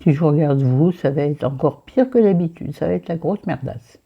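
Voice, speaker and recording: A woman with a low voice and a southern French accent, chatting about a book while doing her makeup at her dressing table at home. She rambles, loses her thread and talks to herself. The sound is a little muffled, like a simple home recording. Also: normal speed, gravelly, breathy edge. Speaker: book vlogger. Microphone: camera facing her mirror.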